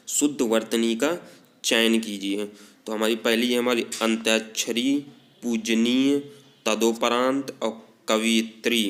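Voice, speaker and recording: Mid-pitched male Hindi tutor with a north Indian accent, repetitive and filler-heavy, stretching each example word. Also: a bit bright. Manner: repeats words slowly, leans on "हमारा" filler. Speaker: exam-prep Hindi teacher. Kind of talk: online spelling lesson.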